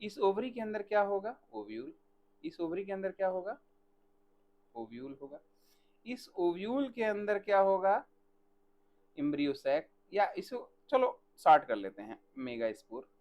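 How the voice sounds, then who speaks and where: A man teaching botany in a live online class, asking students questions by name and dictating answers slowly. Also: sits high, animated, muffled recording, a little hiss or hum.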